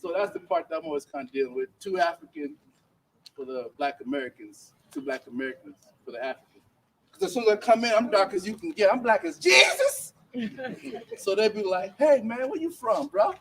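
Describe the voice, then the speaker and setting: A man from Liberia doing a loose, freestyle stand-up set, his voice rising and falling in a lively way and sitting a little high. He is caught from a distance by the mic, with faint noise behind him. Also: brisk, gravelly. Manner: animated, loose and conversational. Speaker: stand-up comedian at open mic. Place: outdoor bonfire event.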